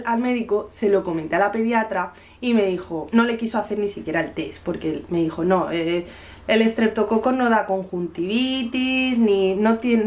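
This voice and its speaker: Speaking to camera from her kitchen, this woman from Spain, a mother in her thirties, tells a story in a relaxed, chatty way and voices the dialogue herself. She has a medium-pitched voice, a Spanish accent from Spain, and a cough from a cold, with slight background noise.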